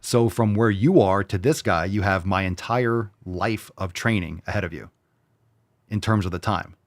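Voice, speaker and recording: A man's voice: low-pitched, moderate pace, no room sound, clean studio sound. Blunt, profane man in his forties. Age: 40s. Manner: blunt, profane, pushy motivator. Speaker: fitness show host. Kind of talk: motivational livestream talk, reading viewer comments.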